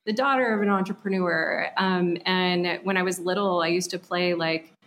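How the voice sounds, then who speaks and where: A woman's voice: on the low side, steady tone, moderate pace, a bit bright, a little hiss or hum. A woman in her thirties from Texas, a company founder chatting as a podcast guest, full of fillers and frequent laughs. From Texas, USA. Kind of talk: casual interview.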